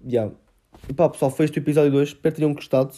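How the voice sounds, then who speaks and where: A man's voice: a little high, steady tone, rapid-fire, warm tone. A 19-year-old man with a European Portuguese accent, telling a story in a casual vlog and acting out phone calls. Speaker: vlogger.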